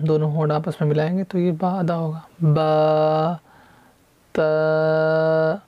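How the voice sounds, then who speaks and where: A man teaching beginners to read the Quran, explaining patiently and reciting letters slowly and drawn out. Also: on the high side, flat delivery, dry recording, dull audio. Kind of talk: beginner Quran reading lesson.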